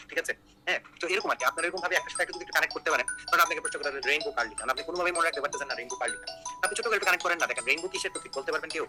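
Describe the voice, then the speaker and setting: A young man from Bangladesh, teaching an online exam-prep class in a quick, joking way and checking in with his students again and again. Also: medium pitch, bright, forceful tone, poor audio. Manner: rapid, joking, repeats key points with "ঠিক আছে?".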